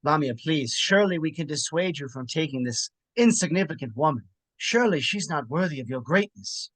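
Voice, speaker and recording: A man's voice: fairly high pitch, expressive, brisk, fairly bright tone, dry recording. Man as a grave spiritualist in dry sound. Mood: grave, imploring. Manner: formal, imploring and commanding. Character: grave male spiritualist confronting a demon. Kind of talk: dramatic horror script reading.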